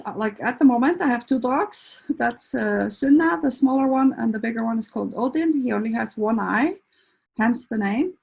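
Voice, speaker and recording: A woman's voice: fairly high pitch, creaky, slightly rough, poor audio. A middle-aged woman from Iceland, a veterinarian giving a hesitant, casual introductory talk full of fillers. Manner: hesitant, many fillers and restarts. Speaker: veterinarian and behavior counselor.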